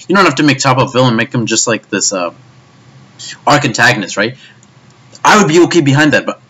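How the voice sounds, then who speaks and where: A man with a mid-range, fairly bright voice tears into an anime in an irritated review. He curses frequently, stammers, and keeps repeating himself.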